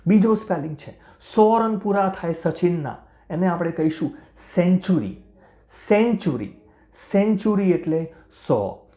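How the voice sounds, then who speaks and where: A man teaching English pronunciation to beginners, spelling out words letter by letter and repeating each one slowly and clearly. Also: fairly high pitch, mellow. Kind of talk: language lesson for beginners. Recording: roomy echo.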